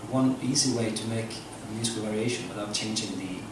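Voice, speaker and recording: Speaking at a fairly low pitch, a musician offers a halting, informal lecture that explains his subject to a seated club-room audience indoors. The recording is taken far from a stage mic playing through speakers, leaving it echoey and noisy.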